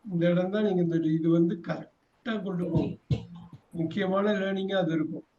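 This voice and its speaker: A man's voice: sits high, fairly even intonation, brisk, dark tone. A man teaching English, repeating prompts and patiently correcting his students' answers. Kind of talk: bilingual class drilling. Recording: dull lo-fi.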